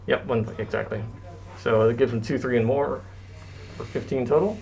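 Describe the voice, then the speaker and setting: A man's voice: medium pitch, steady tone, moderate pace, vocal fry, a little mellow. A man doing casual live tabletop game commentary, his voice muffled by a face mask. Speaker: match commentator.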